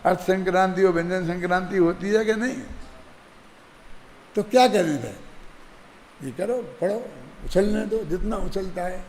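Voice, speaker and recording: A man's voice: high voice, normal speed, long pauses, crowd noise. An older man teaching a religious discourse in a conversational way, often checking that his listeners follow. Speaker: Jain scripture teacher. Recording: hall reverb with faint ambient noise.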